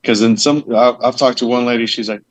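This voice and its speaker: On a casual podcast interview, this guest, who owns a meadery, speaks at a brisk pace in a medium-pitched, steady voice with no room sound. Chatty and rambling, he recounts starting his business with loose fillers, piles of side detail and acted-out exchanges, all captured in dull lo-fi dry audio.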